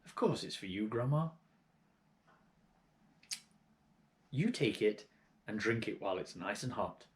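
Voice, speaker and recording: A man's voice: medium pitch, huge pitch swings, moderate pace, fairly bright tone. A man doing a blustering, bossy father. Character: pushy, excitable middle-aged father.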